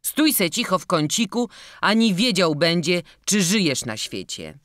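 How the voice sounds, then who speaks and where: A woman's voice: fairly low pitch, sing-song, unhurried, no room sound, studio quality, pitched above the performer's own voice. A woman voicing a blunt young male servant who scolds and teases in a raised voice. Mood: scoffing. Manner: scolding, teasing, loud.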